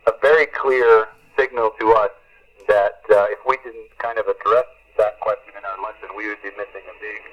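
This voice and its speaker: A man's voice: fairly low pitch, steady tone, fairly bright tone, slight background noise. Earnest man over a walkie-talkie. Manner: earnest, unhurried, with many "uh" fillers. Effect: heard over a walkie-talkie radio link. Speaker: missionary reporting from the field. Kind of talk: two-way radio report, ending turns with "over". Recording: dull lo-fi radio transmission.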